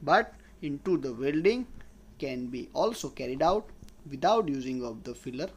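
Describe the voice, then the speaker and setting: A man's voice: medium pitch, lively intonation, moderate pace, a little hiss or hum. A man, giving a slide lecture as an engineering tutor and explaining step by step while restating his points. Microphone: voice-over on slides.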